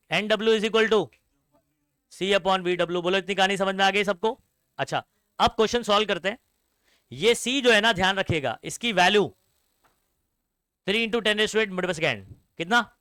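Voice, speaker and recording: Young guy teacher lecturing, keeps asking the class stuff, clear crisp voice, dry sound. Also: high voice, normal speed, pauses often, a bit bright, no echo. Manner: constantly quizzes students with call-and-response questions; mixes Hindi with English terms, scolds students. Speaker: science teacher.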